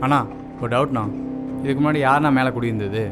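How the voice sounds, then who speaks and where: A man's voice: medium pitch, fast talker, close to an everyday voice. A man playing a nervous young man who keeps asking worried questions. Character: anxious young man haunted at night. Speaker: young man in a haunted house. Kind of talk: short film acting. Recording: film soundtrack with loud music. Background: film score.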